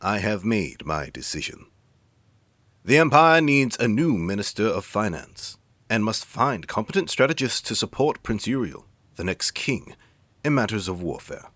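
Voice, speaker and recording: A man's voice: medium pitch, fairly bright tone. An actor playing a stern, commanding king who hands down decrees in a fantasy audio drama. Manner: commanding, measured royal decrees. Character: stern imperious middle-aged king and father.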